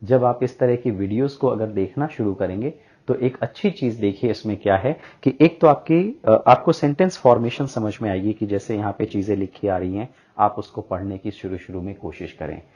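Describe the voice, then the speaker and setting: A man's voice: on the low side, normal speed, darkish tone. Male teacher. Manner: explanatory, with frequent "uh" fillers. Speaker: English teacher. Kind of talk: bilingual Hindi-English lesson. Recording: dull lo-fi audio.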